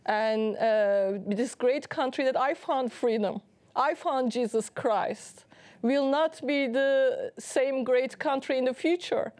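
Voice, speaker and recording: Speaking slowly, a talk show guest with a strong Turkish accent recounts her own story in earnest, frequently interrupted by her laughter. Her voice sits fairly high yet carries a darkish tone.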